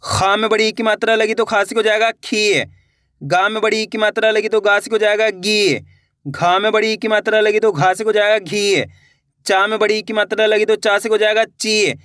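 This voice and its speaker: A Hindi reading teacher giving a children's lesson. The teacher stretches each word out slowly, then explains quickly and asks questions they answer themselves. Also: mid-range voice, little pitch movement, a bit bright, dry recording, studio quality.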